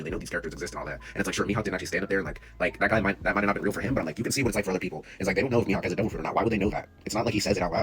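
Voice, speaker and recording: A man's voice: low voice, a bit bright. A young man rambling casually in slang about an anime, talking into a phone he holds, with the clip sped up to double speed. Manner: slangy, rambling, self-interrupting. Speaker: anime commentary vlogger. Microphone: phone held in hand.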